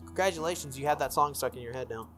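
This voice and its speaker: Reading a visual novel aloud at a very fast clip, this medium-pitched let's-play host mixes the scripted text with casual, offhand remarks. Soft game music sits beneath the narration.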